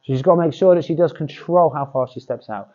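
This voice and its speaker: A man's voice: a little high, fast, warm tone, muffled recording. A man coaching boxing pad work, demonstrating drills with short cues and encouragement.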